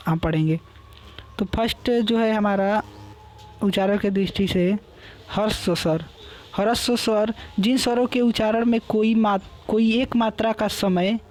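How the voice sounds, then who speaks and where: A young man teaching a lecture, explaining patiently, repeating terms and drawing out vowel sounds as examples. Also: high voice. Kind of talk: classroom lecture.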